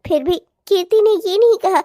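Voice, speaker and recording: A woman's voice: very high-pitched, fairly quick, mellow, no room sound, clean studio sound. A woman voicing a troubled young bride in a cartoon, speaking with anguish. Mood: grieving. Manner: emotional, anguished. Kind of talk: cartoon voice acting.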